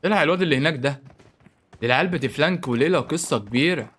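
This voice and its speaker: A young man with an Egyptian Arabic accent gives live commentary on a mobile shooter game. He sounds excitable and panicky and keeps pleading with his teammates for help. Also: fairly high pitch, racing, heavy background noise. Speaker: gaming streamer.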